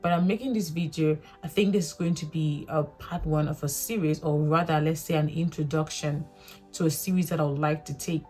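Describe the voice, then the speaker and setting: Soft music plays behind a young African vlogger whose low, warm, husky voice runs a little fast with fairly even intonation. Speaking a local mother tongue natively, she talks to camera earnestly and reflectively, rambling and self-correcting.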